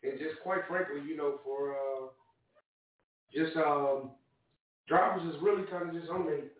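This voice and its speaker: Higher-pitched man in a very echoey room. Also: a little slow. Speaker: podcast co-host, truck driver. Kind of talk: casual group chat. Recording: very echoey, distant, narrow lo-fi sound.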